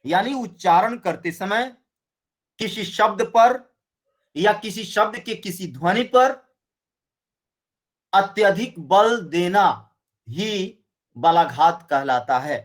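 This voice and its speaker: A man teaching a Hindi grammar lesson, explaining slowly and often checking with his students. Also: sits high, animated. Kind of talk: classroom lecture.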